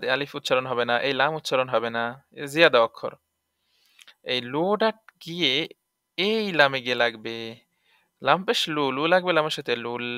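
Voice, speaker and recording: Bright, crisp-voiced man teaching Quran recitation. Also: fairly high pitch, dry recording, clean studio sound. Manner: breaks words into letters and sounds, drawn-out recitation, asks the listener questions. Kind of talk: tajweed lesson, spelling out and reciting.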